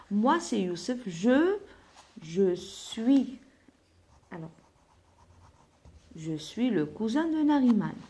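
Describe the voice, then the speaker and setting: A woman's voice: medium pitch, dark tone. Algerian woman teaching French grammar. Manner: spells out letters slowly, switches between French and Arabic. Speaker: primary school teacher. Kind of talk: French grammar lesson explained in Algerian Arabic.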